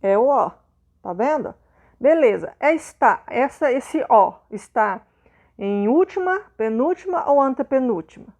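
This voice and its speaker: A woman's voice: high-pitched, expressive, a little slow, darkish tone, lo-fi sound. A Brazilian Portuguese-speaking woman teaching a primary school lesson patiently, often checking in with her pupils. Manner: patient, repeats points, checks in with "né?" and "ok?". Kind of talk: explanatory video lesson.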